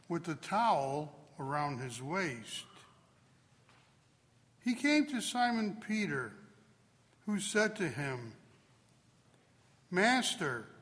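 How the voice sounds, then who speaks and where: A man, a priest or deacon, reads a Gospel passage at Mass in a slow, solemn, deliberate way. He sounds like he is in a large church. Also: fairly bright tone. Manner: slow, deliberate reading with wide swings in pitch. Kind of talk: solemn liturgical Gospel proclamation. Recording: long reverb of a large church.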